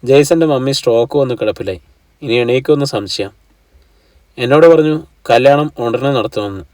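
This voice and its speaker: Man voicing a hurt, quiet young woman. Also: medium pitch, a little fast, dry recording, recorded from a distance, natural voice. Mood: subdued.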